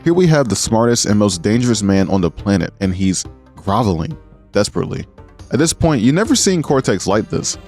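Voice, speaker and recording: A man's voice: fairly low pitch, very animated, brisk, darkish tone. A man narrating a scripted video essay with earnest, appreciative commentary. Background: music.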